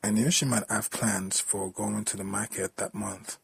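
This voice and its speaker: A man reading a story aloud in a plain, steady storytelling manner. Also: fairly low pitch, normal speed, vocal fry, breathy edge, low-quality recording. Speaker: story narrator.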